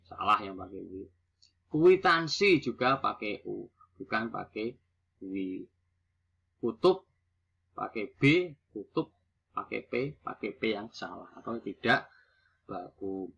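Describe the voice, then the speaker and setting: Slow, bright-voiced male teacher. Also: fairly low pitch, big pitch swings, creaky, husky. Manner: slow, drawn-out word drills. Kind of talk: classroom language lesson. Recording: dull lo-fi recording.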